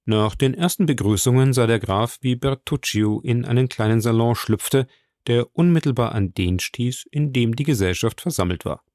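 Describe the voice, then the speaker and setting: A man reading an audiobook of a classic novel aloud in a steady, measured narration. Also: mid-range voice, no room sound, clean studio sound. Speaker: audiobook reader. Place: coworking space.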